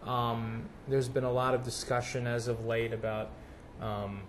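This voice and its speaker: A man's voice: mid-range voice, flat delivery, a little slow, slight background noise. A man taking part as a questioner, speaking casually and politely in a hesitant, tentative way. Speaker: audience questioner at a channeling session.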